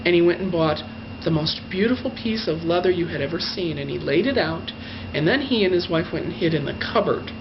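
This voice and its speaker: With a lowish voice and lively intonation, a woman tells a fairy tale in her own words, pouring gushing emphasis into the descriptive words and stretching the adjectives long. It's recorded in dull lo-fi sound with faint noise.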